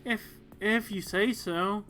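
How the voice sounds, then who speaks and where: A woman's voice: on the high side, moderate pace, fairly bright tone, faint music behind, pitched above the performer's own voice, lightly acted. A reader voicing a timid young woman rookie pilot who speaks meekly and stammers, in an audiobook story. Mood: nervous. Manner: meek, hesitant, stammering.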